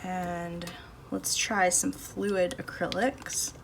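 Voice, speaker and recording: This art host's voice is lowish, gravelly and flat, and she speaks extremely slowly while chatting through a painting at her table. It's captured indoors in her home studio by a phone camera above the table, no external mic, with faint street and household noise in the background.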